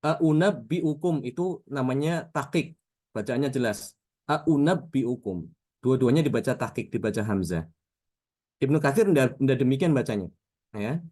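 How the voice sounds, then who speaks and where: A man teaching Quran recitation rules in a patient lesson, often drawing out example words slowly and checking in with his listeners. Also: mid-range voice, animated, mellow. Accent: Indonesian.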